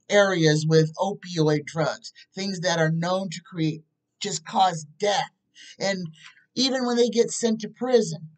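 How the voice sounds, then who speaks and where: A tarot reader in her fifties chats casually to her webcam from a small room at home, emphatic and repeating points with "okay?". Her voice is low, and the recording is poor quality, picked up from desk distance.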